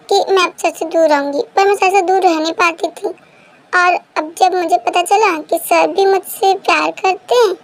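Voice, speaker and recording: A woman plays a young student confessing long-held love in a very high, girlish voice. It is a homemade fan-fiction reading with an earnest tone. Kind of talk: Hindi fan-fiction read-aloud.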